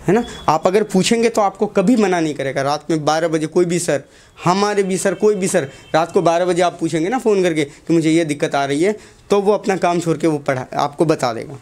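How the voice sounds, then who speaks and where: A man's voice: on the high side, fairly quick, darkish tone. A young man, a teacher giving a motivational talk to students in a classroom, asking the class short questions and repeating key lines.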